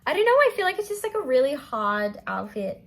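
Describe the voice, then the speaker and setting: Bubbly, high-voiced young Australian woman. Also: big pitch swings, fairly quick. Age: young adult. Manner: bubbly, gushing, slangy sorority-girl style. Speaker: beauty vlogger. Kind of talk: casual chatty makeup vlog.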